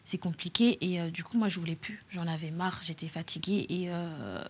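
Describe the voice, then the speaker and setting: A young woman with a French accent telling her own story as a talk show guest, halting, with many fillers and restarts. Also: lowish voice, husky. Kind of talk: personal testimony on a talk show.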